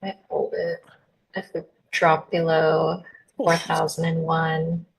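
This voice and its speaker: A woman trader talks through her positions in a matter-of-fact way during a casual live stream. Her voice is low, husky and gravelly. She speaks with a flat, even tone. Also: slow, rough recording.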